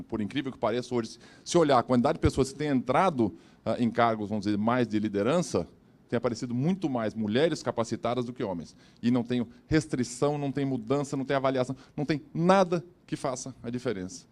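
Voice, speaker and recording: A man at a corporate panel who speaks fast and in a direct, emphatic way. His voice is mid-pitched, and he makes his points firmly as a business leader. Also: a little mellow.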